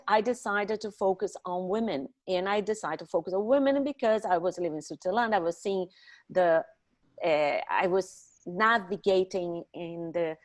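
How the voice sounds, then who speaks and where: A middle-aged woman who speaks English as a second language, talking expressively and emphatically as a guest in a conversational podcast interview. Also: lowish voice. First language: not English.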